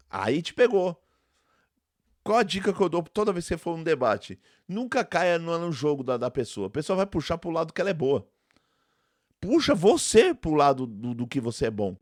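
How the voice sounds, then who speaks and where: A man's voice: on the high side, no echo, studio quality. A Brazilian man, a theology professor, hosting a reaction commentary in a conversational way, repeating his points and talking straight to his viewers. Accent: Brazilian Portuguese. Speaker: theology professor and channel host.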